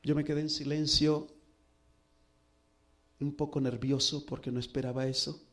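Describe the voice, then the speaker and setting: A middle-aged pastor preaching, telling a personal story earnestly with dramatic pauses. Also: male voice, on the high side, flat delivery. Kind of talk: sermon storytelling.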